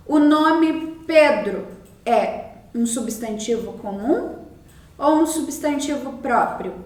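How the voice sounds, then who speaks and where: A Brazilian woman teaching a recorded lesson to young children, explaining patiently and repeating herself often. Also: high-pitched. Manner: slow, patient explaining with many repetitions. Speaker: primary school teacher. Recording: roomy sound, mic at a distance.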